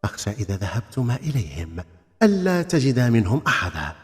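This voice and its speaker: A man's voice: medium pitch, big pitch swings, fast talker, lightly acted. A man voicing a mischievous, merry trickster in a folk tale, with a light, teasing delivery. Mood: sly malice. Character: sly, merry, mischievous male trickster called Mercury. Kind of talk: dramatized folk tale storytelling. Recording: long reverb, music bed.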